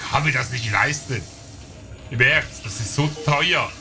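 A man giving casual let's-play commentary, chatting to his viewers and getting excited in fights. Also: medium pitch, unhurried, vocal fry. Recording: game music behind the voice.

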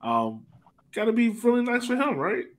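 Over a remote video call from an indoor room, a male podcast host leads a casual sports chat in a high-pitched voice with big pitch swings at a moderate pace. His talk is conversational, with occasional pauses to find words, picked up by a video call microphone.

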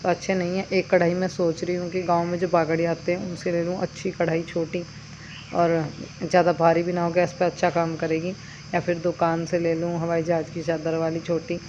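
Village woman cooking and chatting, low-ish voice, muffled sound, crickets going behind. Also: monotone, fairly quick, darkish tone. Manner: chatty, homely, explains each step. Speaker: village vlogger. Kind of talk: cooking vlog narration. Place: village home kitchen. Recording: dull lo-fi sound with outdoor noise. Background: insects and crickets.

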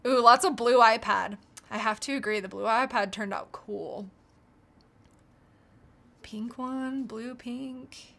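A woman's voice: a little high, slow, gravelly, pauses often, a bit bright. Bubbly young American woman livestreaming. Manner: bubbly, reads out chat comments. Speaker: YouTuber hosting a livestream. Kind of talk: casual livestream chat.

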